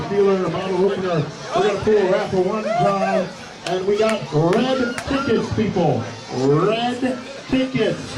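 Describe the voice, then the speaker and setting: A man hosting a live raffle, announcing to the crowd and repeating phrases as he hurries things along. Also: high-pitched. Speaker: raffle host. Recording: echoey hall, distant mic, music and crowd.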